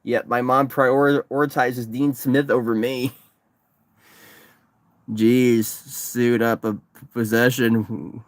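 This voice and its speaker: Speaking slowly with long pauses and a flat delivery, a man with a mid-range voice chats on a livestream from his parked car, reading comments. The distance swimmer is exhausted and sunburned, and he rambles and repeats himself. The recording is dry.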